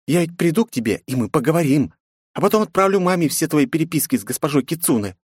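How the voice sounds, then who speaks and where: A man's voice: a little high, very animated, fast, slightly rough, no echo, clean studio sound, voice pushed up. A man voicing a defiant, sarcastic eighteen-year-old princess in an audiobook, with cheeky, mocking retorts.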